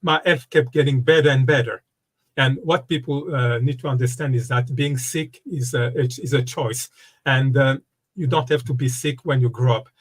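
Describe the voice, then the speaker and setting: A man in his fifties from the Democratic Republic of Congo, a wellness coach and speaker, appears as a guest in a relaxed, casual interview. He speaks at a middle pitch, and his delivery is halting, with many fillers and restarts.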